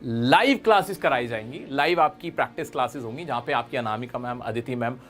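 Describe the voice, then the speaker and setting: A young man with an Indian accent teaching a spoken English lesson in a playful, animated way, acting out phrases in exaggerated tones. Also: mid-range voice, fairly quick, soft background music.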